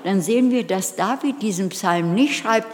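A woman's voice: medium pitch, normal speed. Woman, sermon, earnest, emphatic, asks listeners direct questions, reverberant hall. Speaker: preacher.

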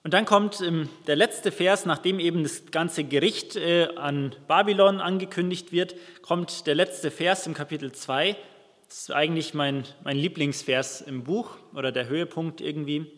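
A man's voice: on the high side, normal speed, a bit bright, long reverb tail. A man preaching a sermon, reading a Bible passage and explaining it earnestly to his congregation, with some restarts.

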